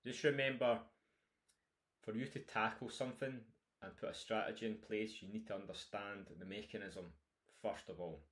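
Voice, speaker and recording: A man with a strong Scottish accent and a fairly low voice talks like a coach introducing a course. His delivery is informal and encouraging, speaking straight to his listeners. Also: steady tone, moderate pace, fairly bright tone. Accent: broad Scottish. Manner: encouraging, addresses listeners directly as guys. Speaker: health and nutrition coach presenting a course. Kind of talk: informal course introduction, talking through topics.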